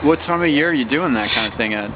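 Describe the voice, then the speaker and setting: A man's voice: mid-range voice, lively intonation, fast talker, a loud crowd. A man interviewing a band outdoors, asking his questions in a hesitant, stumbling way with nervous laughs. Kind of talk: casual interview. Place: outdoors at night by a street venue. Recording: tinny lo-fi recording with loud street noise.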